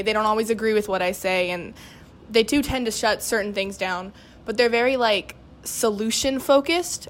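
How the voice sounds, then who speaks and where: Her voice is a little high, and the recording carries a slight hiss or hum. She's a student cast member in her late teens guesting on a podcast, earnest and candid, filling her sentences with "like."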